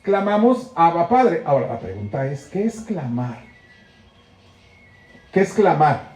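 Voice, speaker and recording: High-voiced Mexican preacher in echoey church. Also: male voice, sing-song, a little slow, darkish tone, faint music behind. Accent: Mexican Spanish. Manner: earnest, rhetorical questions, acts out prayers with rising emotion. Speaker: pastor. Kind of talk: sermon.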